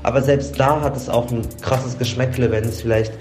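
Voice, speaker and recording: A man who is a guest podcaster, giving thoughtful, measured comments in an interview. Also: medium pitch, steady tone, a little mellow, faint music behind.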